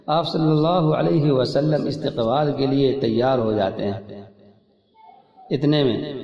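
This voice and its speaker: A man from India giving a religious sermon, speaking slowly and emphatically, repeating phrases, telling stories and chanting scripture. His voice is recorded in a large hall. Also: mid-range voice. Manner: recites Arabic scripture in a chanting tone. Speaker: preacher. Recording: echoey hall, dull lo-fi sound, crowd behind.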